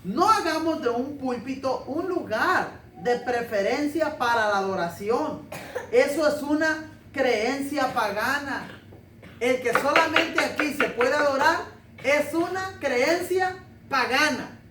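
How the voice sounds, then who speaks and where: A man's voice: extremely high pitch, expressive, slow. Brief: male pastor, chatty joking sermon full of questions, recorded far off in an echoey church with faint noise. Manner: joking, conversational preaching with rhetorical questions. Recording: roomy, distant mic, faint noise.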